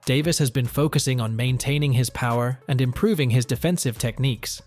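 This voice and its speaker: A man's voice: medium pitch, brisk, darkish tone. Scripted male news narrator over music.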